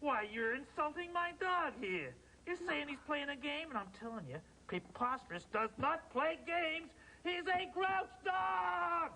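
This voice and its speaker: A man voicing a grumpy, sarcastic grouch monster with a gruff, rough-edged voice, in a children's puppet show. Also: very high-pitched, sing-song, normal speed, hardly any pauses, sharp tone, a little hiss or hum, exaggerated voice. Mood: angry. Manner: grumbling, sarcastic, exclamatory. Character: grumpy, contemptuous grouch monster, proud of his dog.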